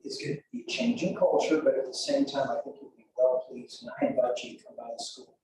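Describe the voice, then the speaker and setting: A man's voice: mid-range voice, lively intonation, fast, mellow. Blunt man in a very echoey room. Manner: blunt, self-styled sarcastic. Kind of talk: public meeting discussion. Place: meeting room. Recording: echoey room mic from a distance with hiss.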